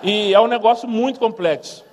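A man with a Brazilian Portuguese accent gives a humorous church testimony as a missionary speaker. He tells stories in a lively way and mimics sounds. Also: sits high, a little fast, big-room sound.

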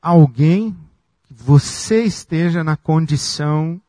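A man preaching a sermon as pastor, slow and emphatic with long pauses. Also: fairly high pitch, warm tone, no echo.

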